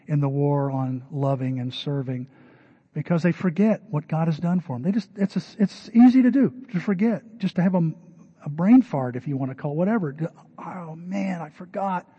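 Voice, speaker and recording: Middle-aged man preaching, soft to booming. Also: a little fast, breathy edge. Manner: conversational, swings from loud emphatic peaks to soft low asides. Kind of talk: sermon. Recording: dull lo-fi sermon recording.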